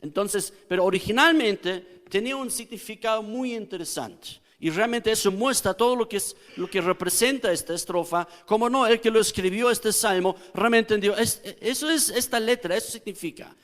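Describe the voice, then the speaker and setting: A male pastor delivers a teaching sermon, his voice sitting fairly high for a man. He explains slowly and carefully, often turning to the congregation with a quick question. The sound carries a long reverb from the church hall around him. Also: a bit bright.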